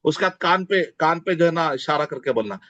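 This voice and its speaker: A man, teaching Arabic in an online class and drilling words slowly by repeating them. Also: on the high side, expressive, fairly bright tone, no echo. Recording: dull, dry online class audio.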